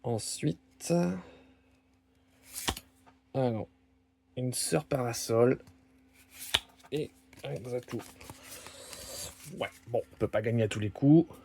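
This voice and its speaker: Guy with a gravelly voice slowly opening card packs, faint hiss, wrappers crinkling in the background. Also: mid-range voice, dark tone. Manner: slow, musing, lists card names one by one. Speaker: card-opening video host. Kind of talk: casual unboxing commentary.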